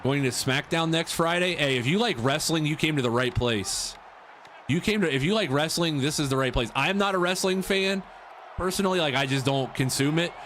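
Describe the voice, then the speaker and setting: A thirty-something man hosts a live stream, casually talking to viewers and reacting as he plays a football game, with a habit of repeating himself. His mid-range voice is a bit bright, and there's a slight hiss or hum.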